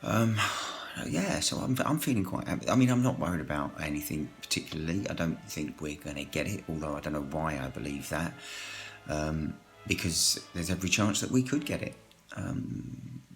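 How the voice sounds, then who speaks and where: A man playing a hesitant high-risk man staying indoors, speaking with many pauses in a video diary. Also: expressive. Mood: uneasy. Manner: hesitant, many ums and restarts. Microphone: webcam or phone at home.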